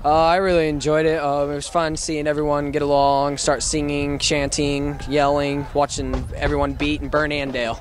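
A man student answering interview questions in loud, rushed bursts, heard from off-mic. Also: fairly high pitch, monotone, a little hiss or hum. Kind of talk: street interview.

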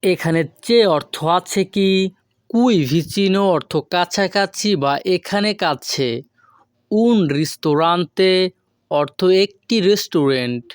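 A man giving a scripted language lesson, saying example phrases slowly and repeating them piece by piece. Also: sits high, lively intonation, clear, resonant tone, dry recording, studio quality. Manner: slow, syllable-by-syllable repetition of example phrases. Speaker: language teacher.

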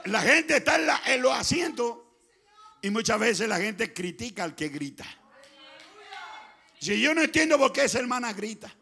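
Chilean pastor guy preaching loud n fervent, high bright voice, gravelly edges. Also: very animated, normal speed, pauses often, a little hiss or hum. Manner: fervent, often shouting, swings between loud and soft. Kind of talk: Pentecostal sermon. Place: church.

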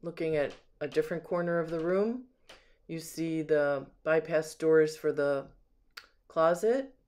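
Unhurried, with medium pitch and a darkish tone, a home sales agent narrates while carrying a handheld camera through the rooms of an empty house. Casual and unscripted, the commentary praises and details things one after another.

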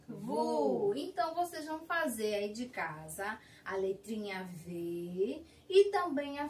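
A woman with a Brazilian Portuguese accent teaching a kindergarten class, drawing out each syllable slowly for small children. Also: a little high, roomy sound, far from the mic, slight background noise. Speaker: preschool teacher. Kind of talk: slow sing-song kindergarten lesson. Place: school classroom.

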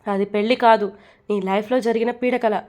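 A woman's voice: mid-range voice, steady tone, moderate pace, a little mellow, lightly acted. A worried middle-aged mother, scolding and insistent as she argues with her son, voiced by a woman reading an audio story. Her voice sits in a middle register.

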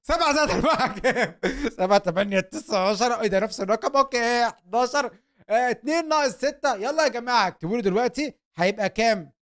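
Talking straight to his audience, this young gaming host has an Egyptian Arabic accent and delivers excitable, jokey let's-play commentary. His pitch is extremely high and he races through his lines.

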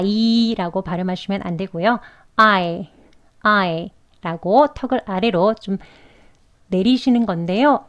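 Slow, patient woman teaching pronunciation. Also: mid-range voice. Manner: patient, demonstrates sounds slowly and repeats each word twice. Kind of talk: slow instructional explanation with repeated example words.

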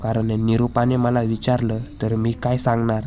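A man reading the lines of a hot-tempered adult brother in a flat, read-out way. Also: mid-range voice, moderate pace, soft background music, natural voice.

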